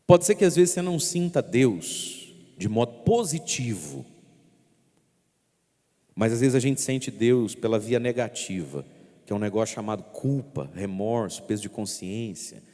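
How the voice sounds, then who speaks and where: A man's voice: fairly low pitch, expressive, a little slow, mellow, big-room sound. A man preaching a sermon as a priest, speaking straight to his listeners and coaxing them along, with a theatrical way of acting things out. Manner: theatrical, acting out inner voices and gestures.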